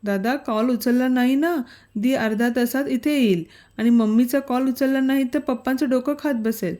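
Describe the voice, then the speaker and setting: A woman's voice: high-pitched, moderate pace, dark tone, close to an everyday voice. A woman voicing a cheeky, chatty young girl living in a hostel. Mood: teasing. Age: young adult. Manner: teasing, chatty.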